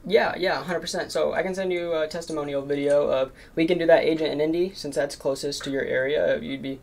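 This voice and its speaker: A man in his late teens who owns a marketing agency records his sales cold calls and talks between them, sounding nervous and full of fillers like "um" and "like". His voice is on the high side, brisk and fairly even, with vocal fry.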